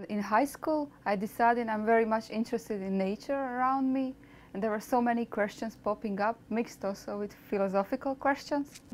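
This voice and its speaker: Croatian woman in her thirties, researcher explaining her work, mid-pitched, hesitant but thoughtful, small office with light background ambience. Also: slight background noise. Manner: thoughtful, measured, with frequent hesitations. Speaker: postdoctoral researcher. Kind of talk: documentary interview. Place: small lab office, indoors. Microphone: lapel mic.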